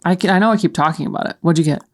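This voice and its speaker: A woman's voice: fairly low pitch, rapid-fire. A woman podcast co-host chatting casually and exclaiming in repeated words, grossed out as she eats and smells nasty jelly beans. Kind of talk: casual chat during a food dare.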